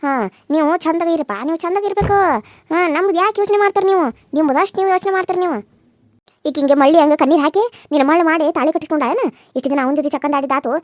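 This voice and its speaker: A woman's voice: no echo, clean studio sound, lightly acted. A woman with a North Karnataka Kannada accent voicing a furious middle-aged mother-in-law who berates and repeats herself in a cartoon serial. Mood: raging. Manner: shrill, berating, repetitive scolding.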